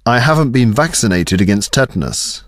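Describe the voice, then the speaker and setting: A man's voice: mid-range voice, animated, normal speed, dry recording, clean studio sound. A man reading phrases with careful model pronunciation for learners. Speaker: English phrase reader.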